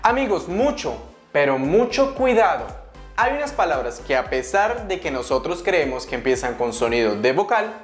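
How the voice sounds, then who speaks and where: A woman teaching an English grammar lesson, lively and leaping up high on questions, slowing down to spell out example words. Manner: lively, bursts up high on questions and calls to attention. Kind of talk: video English lesson for Spanish speakers. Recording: roomy sound with soft background music.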